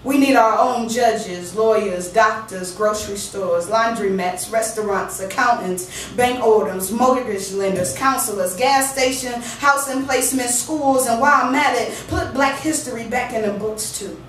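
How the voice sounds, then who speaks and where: A featured poet with a slightly high, somewhat bright voice speaks at a measured pace with hardly any pauses. She performs spoken word rhythmically and emphatically in a small living-room venue, dropping casual remarks between pieces. The distant mic captures heavy room echo and a faint hum.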